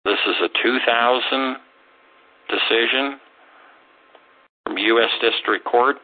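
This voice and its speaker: A man dictating legal citations slowly and carefully, spelling things out piece by piece as he reads aloud. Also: mid-range voice. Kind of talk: reading aloud legal material with spoken asides. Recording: phone-like, narrow-band radio sound.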